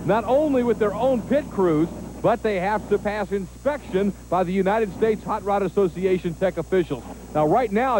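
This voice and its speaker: A man with a high-pitched voice announces in the manner of a tractor pull and monster truck commentator. His delivery is emphatic and promotional, like a motorsport TV host at work. The recording is noisy, with engines behind him. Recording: noisy TV audio with engine noise.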